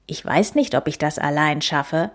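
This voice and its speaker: A woman's voice: low voice, normal speed, fairly bright tone. A woman voicing a busy father coati who speaks firmly and decidedly. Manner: firm, decided.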